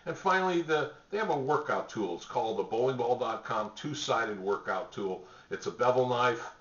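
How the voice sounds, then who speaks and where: A middle-aged man pitching gift products to the camera from a small home office, relaxed and rambling with many fillers. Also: moderate pace. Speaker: store spokesman presenting products. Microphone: webcam at desk distance. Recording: roomy, distant, dull webcam audio.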